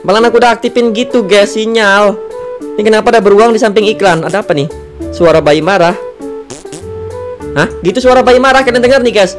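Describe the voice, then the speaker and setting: A man giving excitable let's-play commentary as a gaming channel host, yelping and shouting at the game as he plays. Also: high-pitched, a little fast, long pauses. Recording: game music playing behind.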